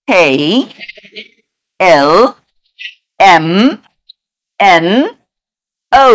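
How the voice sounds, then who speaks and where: A man teaching English pronunciation to a class, drilling letters slowly and patiently for students to repeat. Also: high-pitched, a bit bright. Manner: slow, patient, repeats each sound for students to echo.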